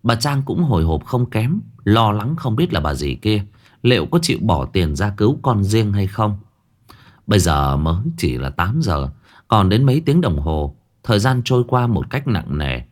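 Man, ghost story narration, low voice, lively pitch swings, dramatic reading. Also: moderate pace.

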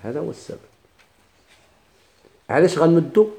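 A man with a Moroccan Arabic accent teaching a recitation class. He asks the class questions, answers them himself, and repeats words slowly with many restarts. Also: on the high side, animated, mellow. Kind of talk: classroom lesson explaining a text.

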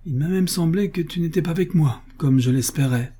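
Audiobook: man voicing an earnest young soldier, dark and husky. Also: a little high, brisk, voice pushed up.

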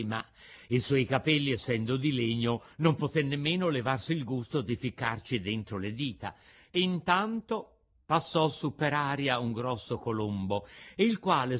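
A man narrating a storybook aloud, his voice a touch higher than most men's. He reads theatrically, stretching and colouring the lines. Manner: expressive, theatrical reading. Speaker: reader.

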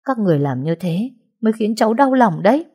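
A woman's voice: medium pitch, sing-song, brisk, warm tone, husky, voice pushed up. A woman voicing a grief-stricken young mother in an audiobook, crying out and pleading. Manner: screaming, sobbing pleas. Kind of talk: audiobook dialogue.

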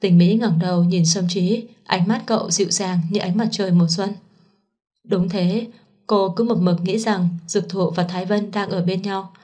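A woman reading a romance novel aloud as narrator, in a steady, even storytelling voice. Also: medium pitch, normal speed.

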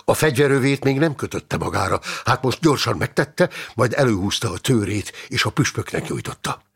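A man reading an audiobook in a dramatic, expressive narration style. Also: mid-range voice, gravelly, slightly rough.

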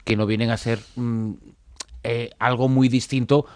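A man's voice: medium pitch, level tone, a little slow, a little mellow, no room sound. A man in a casual panel discussion, speaking in hesitant, winding sentences as a podcast panellist.

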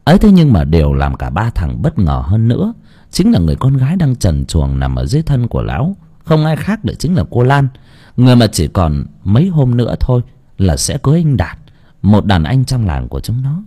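A man's voice: lowish voice, wildly swooping pitch, a little fast, dark tone, breathy edge. A man narrating a folk tale audiobook expressively. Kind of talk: storytelling narration.

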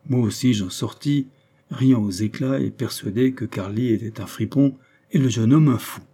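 Male audiobook narrator with a mellow, husky low voice, reading a classic tale and voicing its characters with shifts in pitch and loudness.

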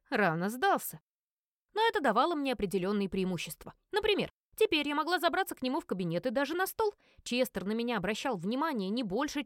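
Expressive woman narrating an audiobook. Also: fairly high pitch, no echo, studio quality. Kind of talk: first-person audiobook narration.

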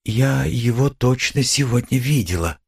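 A man's voice: medium pitch, expressive, unhurried, vocal fry, husky, pitched above the performer's own voice, heavily acted. A man voicing a timid, pious poor young woman who pleads in a trembling, tearful way. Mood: shy. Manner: trembling, tearful, eager to defend.

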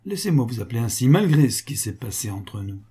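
A man's voice: medium pitch, big pitch swings, fairly quick, dark tone, husky. A man doing a cold, mocking rich creditor. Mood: sardonic. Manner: mocking, falsely friendly, cruel. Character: cold sardonic male creditor, a wealthy man.

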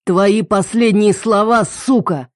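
A possessive, violent young man, put on by a woman reader speaks slowly and heavily, leaning on each word with menace. His tone is dark and mellow. The sound is dry and close. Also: medium pitch, dry recording, pitched above the performer's own voice, natural voice. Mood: menacing. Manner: slow, heavy, emphatic and menacing.

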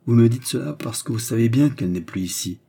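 A man reading an audiobook, voicing a cold, all-knowing count who speaks with measured irony and authority. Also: mid-range voice, fairly even intonation, gravelly, dark tone, pitched above the performer's own voice. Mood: ironic.

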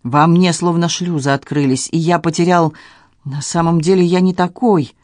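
A man's voice: a little high, steady tone, moderate pace, a little mellow, dry recording, lightly acted. A man reading a shaken, pleading businessman. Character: shaken, guilty middle-aged businessman.

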